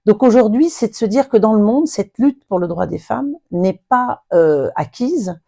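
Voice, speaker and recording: A woman's voice: medium pitch, lively intonation, unhurried, gravelly, mellow. A woman hosting an interview, asking long, formal questions. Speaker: host, interviewer.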